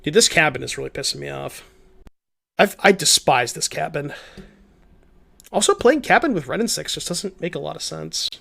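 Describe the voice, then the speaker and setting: A young man's fairly high, bright, gravelly voice carries a forceful, expressive tone as he casually comments on the card game he's streaming, though he's stuffed up and his voice is a bit shot. At a moderate pace with long pauses, he chats, reads his chat, reasons aloud and restarts a lot.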